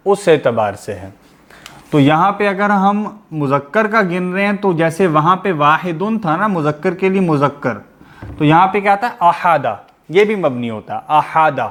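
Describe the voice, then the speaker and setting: A man's voice: on the high side, fairly bright tone. Man teaching a grammar class online. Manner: explanatory, poses questions to the class then answers them.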